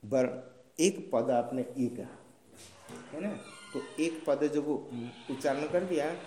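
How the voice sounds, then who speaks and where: A man gives a classroom lecture, explaining slowly and patiently in a warm, dark voice. He keeps checking that his students follow along. The recording has a roomy echo from the hall around him. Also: fairly high pitch, a little hiss or hum. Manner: slow, patient explaining with frequent checking questions. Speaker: teacher. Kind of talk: classroom lecture on Sanskrit grammar. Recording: roomy echoing room sound.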